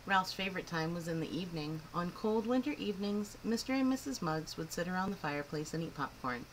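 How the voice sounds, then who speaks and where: A woman with a lowish voice reads a picture book aloud to children at a fairly quick pace, against a noisy background. Her animated narration is expressive and clearly phrased, with emphatic swoops.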